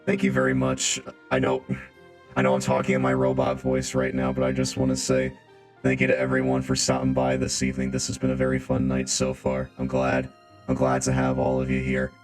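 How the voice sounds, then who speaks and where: A game streamer, a man whose voice comes out through a low, robotic filter. He talks in a loose, joking way and warmly thanks the people watching. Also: completely flat delivery, brisk, music in the background. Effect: deep robot voice filter. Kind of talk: casual chat while playing a game.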